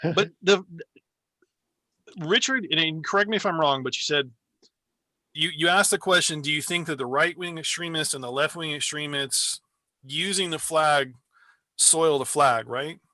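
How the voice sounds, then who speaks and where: A man in a casual panel chat lays out his point in a deliberate, measured way. His voice is bright and somewhat high. The sound is dry and close. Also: dry recording. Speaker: panel guest.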